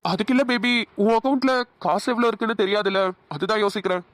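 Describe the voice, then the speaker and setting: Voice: medium pitch, fast, fairly bright tone, no echo, close to an everyday voice. A performer voicing a broke, scheming young man in a cartoon, stammering and evasive. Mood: flustered. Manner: hesitant, stammering fillers. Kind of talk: Tamil cartoon dubbing.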